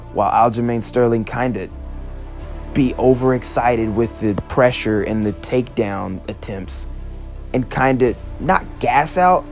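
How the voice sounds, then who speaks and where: A man's voice: medium pitch, darkish tone. Laid-back man chatting fight predictions. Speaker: MMA prediction host. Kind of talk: casual commentary.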